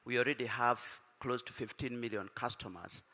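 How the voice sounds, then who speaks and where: Tired from little sleep, a male panelist delivers a businesslike answer in a reverberant conference hall, stumbling through many fillers and restarts. His mid-range voice has a sharp tone, fairly even intonation, and a moderate pace.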